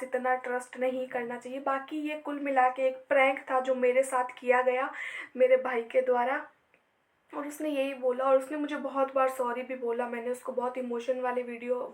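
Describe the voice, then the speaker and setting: A young woman vlogging to camera, tired and upset after a sleepless night, telling the story chattily with many fillers. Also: high-pitched. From India. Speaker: family vlogger. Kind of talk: casual vlog storytelling to camera.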